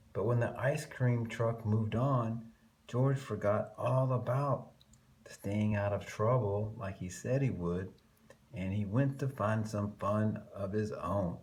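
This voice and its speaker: In a fairly low voice, a man performs a picture book for young children, expressively lengthening key words and adding murmured, chatty asides.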